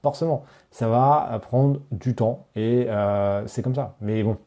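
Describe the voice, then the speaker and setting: A man's voice: mid-range voice, slow pace, warm tone, dull audio. A man hosting a live stream, chatting casually with viewers and answering their questions, with lots of fillers and restarts. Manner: talks straight to viewers, reads out chat questions. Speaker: online course creator hosting a live Q&A.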